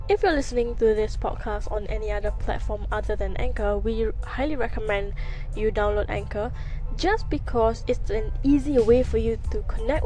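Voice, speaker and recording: A woman's voice: on the high side, mellow. A woman with a Singaporean Singlish accent hosting a podcast in a casual, informal way. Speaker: podcast host and content producer.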